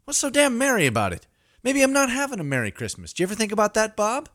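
Man acting a frazzled, indignant grump with wildly swinging pitch. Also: big pitch swings, normal speed, no echo, clean studio sound, natural voice. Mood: exasperated. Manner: exasperated, stammering. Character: frazzled, indignant man feuding with Santa, ranting and sputtering. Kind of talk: comic audio drama acting.

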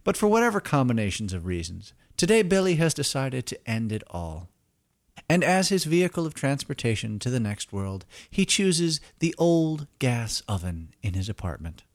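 Guy telling a story, wry and theatrical, lively swings in pitch, dry close sound. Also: normal speed, no echo. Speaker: narrator and host of a fiction podcast. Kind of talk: scripted dramatic story narration.

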